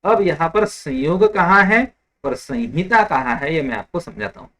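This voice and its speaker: A man teaching a Sanskrit grammar lesson in a patient, explanatory way, repeating examples slowly and stopping to correct small slips. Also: on the high side, expressive, a bit bright. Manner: explanatory, slips and corrects himself, mixes English terms. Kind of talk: online lecture.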